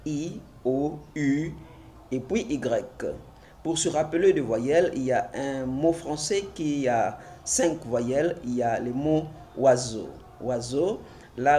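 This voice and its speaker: A man's voice: medium pitch, warm tone, slight background noise. A man teaching a French literacy lesson, spelling letters and syllables aloud one at a time and repeating them for adult learners.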